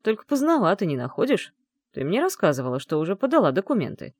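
A woman's voice: fairly low pitch, big pitch swings, fast talker, darkish tone, no room sound. Woman voicing a cocky young dragon guy. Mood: teasing. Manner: mocking, playful. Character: cocky teasing young male red-haired dragon. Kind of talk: audiobook character voice.

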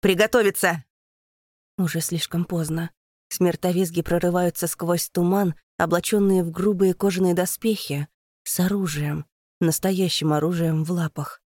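Low-voiced woman narrating an audiobook. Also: steady tone, moderate pace, mellow, no echo, studio quality. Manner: tense, dramatic reading. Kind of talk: first-person fantasy audiobook narration.

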